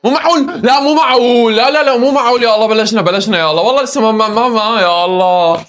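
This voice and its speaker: Hoarse excitable Levantine man, high voice. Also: very fast. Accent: Levantine Arabic. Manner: excitable, groaning and exclaiming at every chance. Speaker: football reaction video host. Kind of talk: live match reaction.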